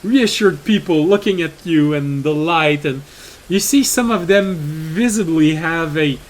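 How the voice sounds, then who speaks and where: Slow-talking man running a tabletop game. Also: on the high side, low-quality recording. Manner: slow, chatty narration with frequent laughs and fillers. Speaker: game master. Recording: faint hiss in the background.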